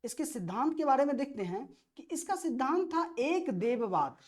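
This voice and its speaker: Her voice sits high and is very animated at a moderate pace. Teaching exam preparation in an Indian accent, she reads history quiz questions aloud and explains each answer, stressing key phrases through repetition.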